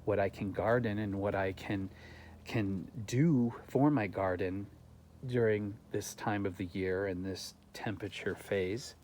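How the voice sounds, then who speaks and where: Out in his home garden, a man hosting his own gardening channel talks earnestly to camera, musing aloud with rhetorical questions. His voice is lowish, steady, unhurried and darkish, and there is a little hiss or hum.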